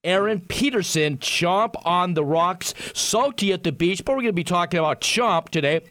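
A man with a high-set voice hosts radio in the grand manner of a ringmaster. His delivery is bombastic and effusive, stacking superlatives like a showman. The sound is very dry, with no room around him. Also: expressive, moderate pace, fairly bright tone, no room sound. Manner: bombastic ringmaster-style announcing. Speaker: radio show host.

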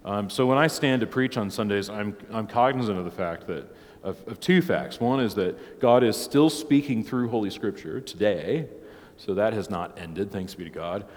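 A man who preaches, teaching a church catechism class in a relaxed, conversational way, heard with a long church echo. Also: lowish voice, moderate pace. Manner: conversational, tags many points with "right?". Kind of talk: informal church class teaching, opening with prayer.

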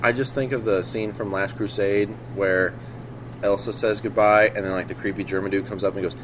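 A man's voice: fairly low pitch, fairly even intonation, a little fast. A man co-hosting a casual podcast, making crude jokes and swinging into wild laughter. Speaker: podcast co-host. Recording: clear background noise.

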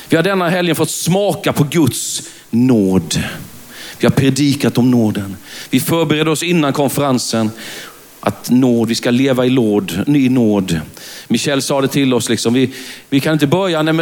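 A man with a Småland accent from Värnamo, preaching a fervent sermon in church and often calling out hallelujah. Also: mid-range voice. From Sweden. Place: church at a conference service.

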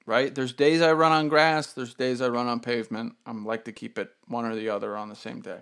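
A man co-hosting a casual chat, telling a story in an animated, profane way with bursts of laughter. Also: mid-range voice, fairly quick, gravelly, clear, resonant tone. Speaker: podcast co-host.

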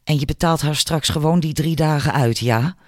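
Man playing a bossy foreman, sneering, curt, lowered voice, dry sound. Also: normal speed, no echo, close to an everyday voice. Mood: bitter. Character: scornful, bossy male laundry foreman.

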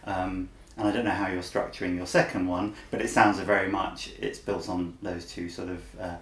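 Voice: deep voice, little pitch movement, normal speed, echoey room. A host in casual conversation, thoughtful and stopping to search for words.

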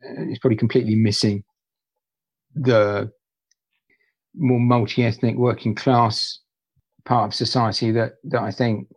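A man's voice: mid-range voice, level tone, measured pace, long pauses, slightly rough, dry recording. A male poet talking in a conversational interview, hesitant, often restarting and repeating words.

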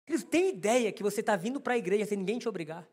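This Brazilian Portuguese-accented pastor preaches a sermon in a very high voice for a man, expressive and quick, a little mellow with a breathy edge. He talks straight to his congregation while telling a personal story with humor.

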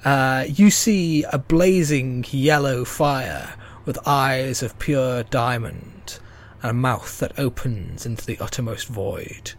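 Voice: mid-range voice, slow. A game master narrating a tabletop role-play game, improvising in an amused, hesitant way.

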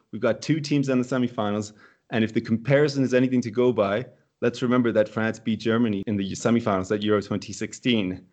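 A man's voice: mid-range voice, a little mellow, dull audio. Playful male football podcast host. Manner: playful, laughs often, drawn-out exclamations. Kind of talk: casual football podcast chat.

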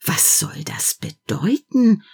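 A timid little fir tree in a storybook, wondering aloud in hushed, breathy whispers, as a woman reads it. The voice is husky and low, and the pitch lifts and falls widely as it worries about what will happen. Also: big pitch swings, takes it slowly, heavily acted. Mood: anxious wonder.

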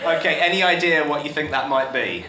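A man's voice: a little high, fairly quick, crowd noise. A man hosting a comedy game show with wry, mock-official announcements. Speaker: comedy quiz host. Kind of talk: live comedy podcast hosting. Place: live venue with audience. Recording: echoey live venue with loud noise.

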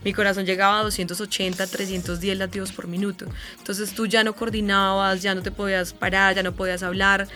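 Bright-voiced Colombian woman telling her story. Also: mid-range voice, fairly quick, faint music behind. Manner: animated storyteller, imitates sounds and voices. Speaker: radio host. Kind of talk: emotional personal interview.

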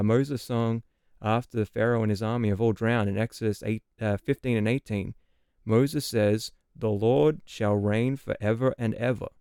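A man, a guest on a podcast, explaining scripture in a thoughtful, measured way, pausing and restarting as he works through his points. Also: fairly low pitch, creaky, a little mellow, clean tone, no room sound, clean studio sound. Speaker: podcast guest, Bible teacher.

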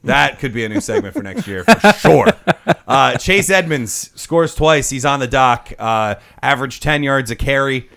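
A man's voice: mid-range voice, animated, normal speed, vocal fry, a bit bright. A man co-hosting a fantasy football podcast, joking and laughing through casual chat. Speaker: podcast co-host.

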